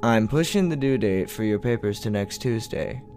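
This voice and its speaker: A man voicing a calm male teacher who speaks quietly in a monotone within a horror story. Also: on the low side, moderate pace, over music, natural voice. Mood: hushed.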